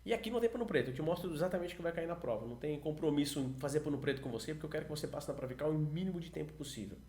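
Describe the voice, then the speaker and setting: A Brazilian man who used to be an examiner teaches radio phrases for a pilots' English test. He coaches as he talks and says the model phrases slowly. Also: a little high, a little mellow, echoey room. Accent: Brazilian Portuguese. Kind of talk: explanatory lesson, talking to camera.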